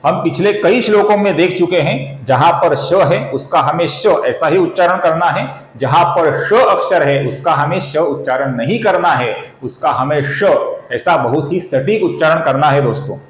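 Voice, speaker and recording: A man teaching the correct pronunciation of a Sanskrit verse, explaining earnestly and chanting words slowly, with soft music behind him. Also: on the high side, reverberant, rough recording. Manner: addresses viewers as friends, earnest explaining. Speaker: spiritual YouTube teacher. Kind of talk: Sanskrit recitation lesson.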